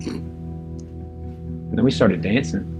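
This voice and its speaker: An actor playing a shiftless, rough-talking man, in a live staged reading. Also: on the low side, animated, drawn-out words, music in the background, heavily acted. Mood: boastful. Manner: rambling, hesitant, folksy grammar.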